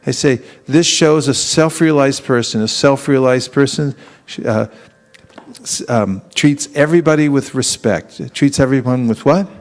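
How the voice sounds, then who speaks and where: A man's voice: mid-range voice, unhurried. A man leading a live teaching seminar. He keeps firing questions at his audience and acts out both sides of short dialogues as he demonstrates. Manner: acts out street exchanges in quoted voices.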